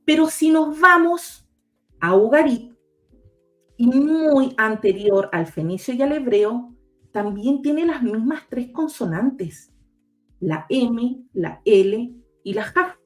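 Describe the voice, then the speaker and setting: A woman appearing as a guest researcher on a video call gives an explanatory talk with slides, patiently spelling out letters one at a time like a teacher. Her voice is on the high side, expressive, and slow, with faint music in the background.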